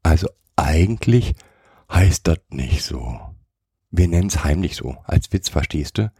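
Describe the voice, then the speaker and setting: A man voicing a cheeky, chubby little male gnome with a croaky voice who talks in brash slang and keeps saying "ey". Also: deep voice, animated, unhurried, warm tone, no room sound, studio quality, heavily acted. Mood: grumpy, cheeky. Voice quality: croaky, says "ey" constantly. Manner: brash, rude street slang.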